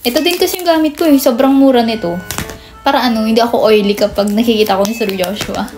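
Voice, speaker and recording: A woman's voice: on the high side, fast talker, music in the background. A woman in a comedic skit, playing a nosy, bossy store cashier who chats and scolds customers.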